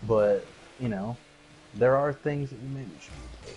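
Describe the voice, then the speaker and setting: A man's voice: medium pitch, measured pace, a little mellow, muffled recording. A man chatting casually while playing a video game, rambling and filling his talk with "like". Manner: rambling, heavy use of "like" fillers. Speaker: gaming video co-host.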